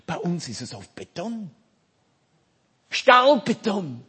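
A man preaching a sermon in a husky, slightly breathy voice. He speaks slowly and lets his pitch roam widely, climbing for emphasis and sinking into hushed, almost whispered passages. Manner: emphatic, swings from loud outbursts to hushed near-whispers.

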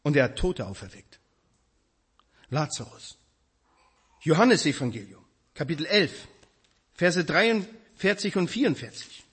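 A man preaching a sermon with a bright, slightly husky voice. His pitch swoops widely as he stresses each point. He addresses his listeners directly and emphatically. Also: lively intonation, measured pace, long pauses.

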